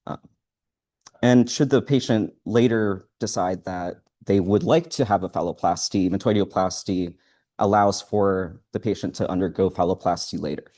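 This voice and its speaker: Low, mellow man presenting to an audience. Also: moderate pace. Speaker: student presenter. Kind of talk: live thesis presentation in front of an audience. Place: room with a live audience.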